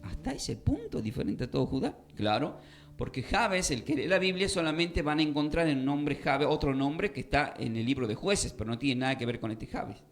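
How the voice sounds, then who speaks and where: A man's voice: on the high side, expressive, moderate pace. A man teaching a radio Bible class, quizzing listeners and repeating key points for emphasis. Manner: questioning, emphatic teaching with repetitions. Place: radio studio.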